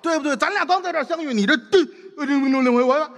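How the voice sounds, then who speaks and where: A man's voice: extremely high pitch, fast, a bit bright. A man performing stage crosstalk comedy as the clowning partner, giggly and stammering. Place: theater stage.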